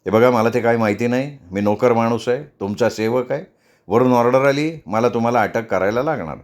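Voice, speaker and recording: A man's voice: mid-range voice, fairly quick, lightly acted. A man voicing a brash, mocking police inspector in a spoken story, with a taunting, sarcastic manner.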